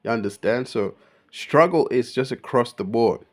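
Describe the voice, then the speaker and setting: An animated young man speaks at a moderate pace in a mid-range voice, ranting casually without a script for his vlog. Born in Kenya and raised in Australia, he stays emphatic and slangy and keeps calling everyone "bro."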